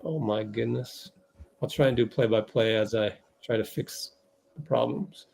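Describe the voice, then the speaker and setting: Husky, darkish, and touched with vocal fry, this man's medium-pitched voice moves at a moderate pace. On his fan livestream he mixes play-by-play with a flustered ramble about technical glitches, dropping plenty of fillers and muttering to himself while he sorts out the setup.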